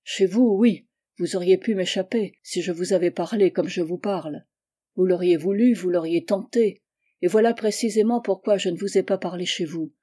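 A woman's voice: lowish voice, normal speed, natural voice. A woman reading as an insistent young lover. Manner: forceful, pressing. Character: insistent passionate young man declaring love. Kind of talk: audiobook reading of a novel.

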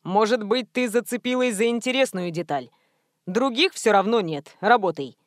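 A woman's voice: medium pitch, moderate pace, no room sound, clean studio sound, close to an everyday voice. A woman voicing a stern, sarcastic male boss of a detective department, chiding in an audiobook. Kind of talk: audiobook character voice.

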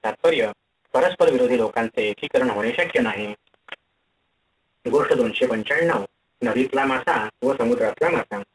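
A man narrating fables for an audiobook in a measured, formal reading voice. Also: mid-range voice, recorded from a distance, a little hiss or hum, low-quality recording.

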